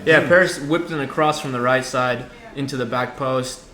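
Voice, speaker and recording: Young male athlete guest, casual chat, mid pitch, clearly roomy sound. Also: fairly even intonation, moderate pace, pushed and bright. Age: young adult. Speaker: soccer player, podcast guest. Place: indoor lounge seating area. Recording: roomy echo, faint background noise.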